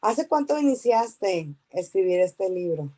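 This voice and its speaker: A woman's voice: mid-range voice, sing-song, unhurried, dark tone. A woman interviewing an author, asking brief prompting questions.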